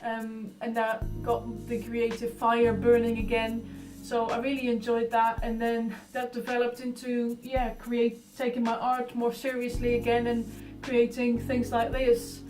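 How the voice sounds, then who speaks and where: Being profiled as an artist, a Dutch woman in her early thirties talks informally about her life and work in a fairly high voice with a completely flat delivery, pausing often to find her next thought. She is recorded from a distance in a roomy, echoey space, and music plays clearly in the background.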